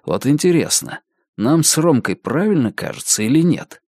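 A man's voice: big pitch swings, moderate pace, a little mellow, dry recording, studio quality. A man reading an audiobook, voicing the impatient inner thoughts of a sardonic police detective. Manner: brusque inner thoughts, low voice.

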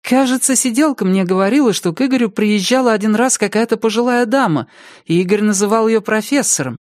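A man's voice: high-pitched, a little fast, no room sound, studio quality, pitched above the performer's own voice, natural voice. A man reading an audiobook, voicing a wary, defensive middle-aged woman in a raised voice. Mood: guarded, doubtful. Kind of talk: audiobook character voice.

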